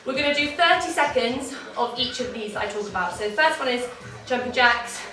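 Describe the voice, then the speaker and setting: Young female dance teacher, high and bright, slightly out of breath, distant in a roomy space. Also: fairly quick. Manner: encouraging, counts beats aloud. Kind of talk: online dance warm-up class. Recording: echoey room, distant from mic, faint music.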